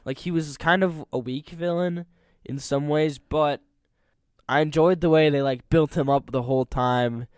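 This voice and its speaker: Smooth-voiced man rambling about movies. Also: fairly high pitch, unhurried, no echo, clean studio sound. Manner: rambling, filler-heavy, animated. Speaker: podcast co-host. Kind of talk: casual movie review chat.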